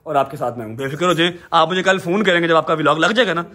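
Guy vlogging, high bright voice, jokey and pushy, lots of "theek hai". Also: rapid-fire. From Pakistan. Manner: warm, teasing, emphatic. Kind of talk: casual family vlog talk.

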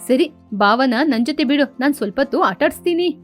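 A playful, teasing young woman doctor in an animated storybook, as a woman narrator puts her on. Her voice is high and lively, with soft music playing faintly behind. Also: moderate pace.

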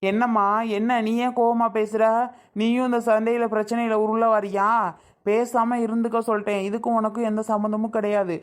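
A woman's voice: fairly high pitch, level tone, fairly quick, lightly acted. A woman playing a stern scolding father. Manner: bossy and scolding. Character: stern middle-aged father scolding his daughter. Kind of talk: family skit acting.

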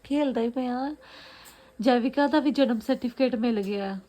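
A woman's voice: on the high side, moderate pace, warm tone, rough recording. A woman with an Indian Punjabi accent chatting casually in a home vlog, playful and doting, often repeating phrases as she coaxes her child. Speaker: family vlogger, mother. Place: at home, indoors.

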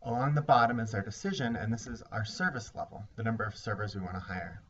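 A man with a low-pitched voice delivers a recorded lesson, walking through each point in a measured, explanatory way. The recording sounds slightly dull and lo-fi, with faint hiss underneath. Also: fairly bright tone. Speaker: instructor. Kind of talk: recorded lecture.

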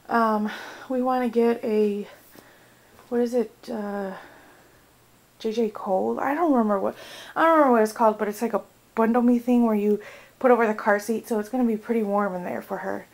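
A woman's voice: a little high, darkish tone, low-quality recording. Chatty young woman showing baby clothes. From United States. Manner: chatty, rambling, many fillers. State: out of breath. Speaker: vlogger. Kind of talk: casual haul vlog.

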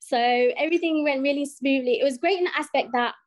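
A woman from the UK talks casually as an interview guest on a video call. She is chatty and says um often, and her voice sits fairly high. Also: a little fast. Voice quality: chatty, filler-heavy. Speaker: guest pattern maker.

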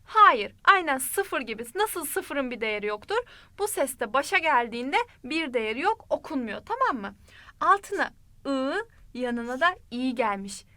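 A woman language teacher giving an online lesson, talking to the learner directly in a friendly way and repeating words slowly and clearly. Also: high voice, sing-song, pushed and bright, no echo.

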